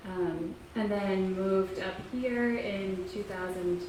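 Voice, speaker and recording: A soft-spoken Kentucky woman with a medium-pitched, steady voice gives a casual author's talk in a public library meeting room. She speaks haltingly with frequent ums, and the echoey room carries faint noise.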